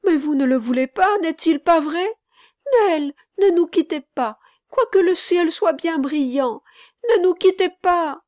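A woman voicing a small tearful boy who begs a girl not to leave, in a high, crying voice. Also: measured pace, darkish tone, no echo, studio quality. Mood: pleading, tearful.

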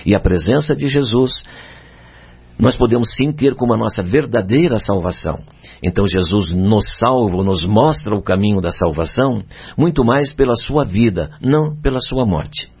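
A man with a Brazilian Portuguese accent, a guest speaker on spiritist themes, explains in a calm, deliberate teaching manner. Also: on the low side, husky. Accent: Brazilian Portuguese, from São Paulo state. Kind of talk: measured explanatory talk. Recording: dull lo-fi radio recording.

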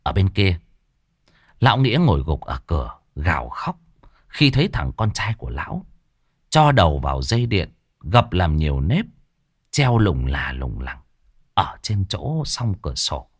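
A male storyteller narrating a ghost story in a lively, dramatic way. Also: sits low, unhurried, long pauses, breathy edge, no echo, studio quality.

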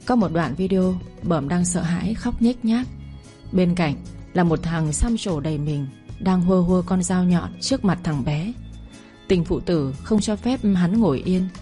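A woman narrating a dramatic audio story in a steady storytelling voice. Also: fairly low pitch, measured pace. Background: faint music.

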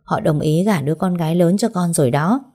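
A woman's voice: fairly low pitch, a little fast, dark tone, close to an everyday voice. A woman voicing a grandmother over seventy who gives firm instructions.

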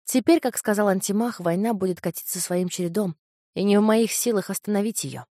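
A woman reading a first-person novel aloud in a measured, intimate storytelling manner. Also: medium pitch, dark tone, no echo, clean studio sound. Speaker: audiobook reader.

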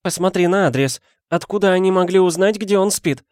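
A man's voice: high-pitched, fairly quick, a little mellow, no echo, voice pushed up, lightly acted. An anxious middle-aged aunt, acted by a man reading aloud frets in a trembling voice. The voice sits well above the reader's own, and the recording is dry and close. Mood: fretful. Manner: trembling, fretful.

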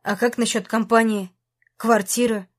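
A woman's voice: a little high, steady tone, unhurried. A woman voicing a pleading young man, whiny, scared, storybook. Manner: whining, begging.

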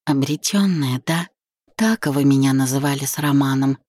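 A woman reading the part of a proud young wife who is defiant, indignant and hurt, voiced higher and louder than the narration. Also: moderate pace, no room sound, studio quality. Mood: hurt, pleading. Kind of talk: audiobook reading.

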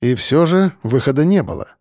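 A man narrating an audiobook in a measured, even storytelling manner. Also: mid-range voice, no echo, studio quality. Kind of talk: scripted narration.

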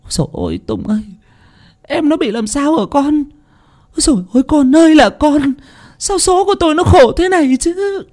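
A sobbing, keening mother from the north of Vietnam cries out for her daughter in a storybook reading, as a male narrator puts her on. Her voice climbs high and shrill as she laments. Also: lively intonation, brisk, a little mellow. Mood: wailing. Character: middle-aged woman, a mother wailing in grief.

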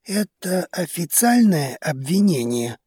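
A man's voice: a little high, big pitch swings, slow pace, dark tone, breathy edge, dry recording, studio quality, pitched above the performer's own voice, heavily acted. A man playing a stern old head of a noble house who speaks curtly and strictly. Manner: stern, curt.

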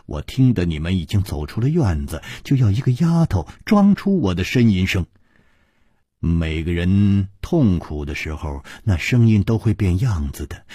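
A man voicing a weary, ailing woman who speaks softly, low and breathy. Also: very animated, normal speed, dry recording, clean studio sound. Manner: soft, low, breathy and subdued.

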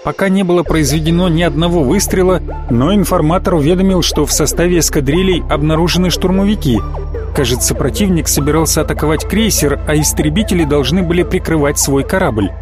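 A man narrating a science fiction audiobook in a steady, dramatic reading style. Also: on the high side, brisk, over music. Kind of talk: scripted narration.

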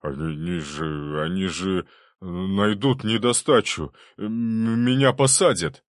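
A man's voice: fairly low pitch, animated, moderate pace, breathy edge, no room sound, clean studio sound. A man voicing a cowardly, panicking middle-aged male governor who whines and squeals in fear. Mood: panicked. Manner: frightened, whining and squealing.

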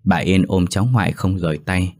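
A man narrating a story in a steady audiobook delivery. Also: low voice, brisk. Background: faint music.

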